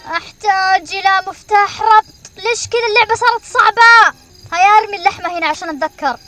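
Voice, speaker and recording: A woman streamer giving excited commentary while she plays a game, shrieking when she is chased. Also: very high-pitched, fast, soft background music. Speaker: gaming streamer.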